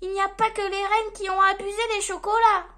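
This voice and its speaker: A woman's voice: little pitch movement, fairly bright tone. A woman doing a fretful little elf. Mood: fretting. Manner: high, fretful, quick. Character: small fretful male elf helper. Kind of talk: children's storybook reading.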